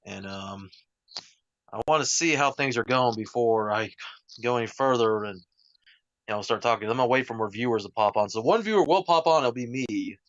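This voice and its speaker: A man's voice: mid-range voice, fairly quick, a bit bright, no echo, highs cut off. A man hosting a casual live stream chat, rambling with many fillers and self-corrections, talking into a wired headset. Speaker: livestream host.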